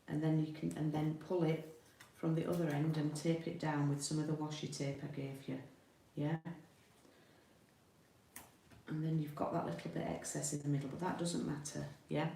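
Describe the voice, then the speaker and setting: A low, dark, creaky voice at normal speed and level tone belongs to a woman from Yorkshire, England, who demonstrates card-making as host of an informal live tutorial. She chats and thinks aloud as she goes. The sound is roomy and distant, with faint noise and clicks, from an indoor room with a window.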